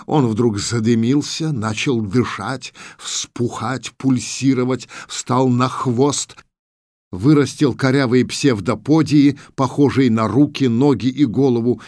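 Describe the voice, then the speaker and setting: A man's voice: medium pitch, darkish tone, no echo, clean studio sound. A man steadily narrating an audiobook.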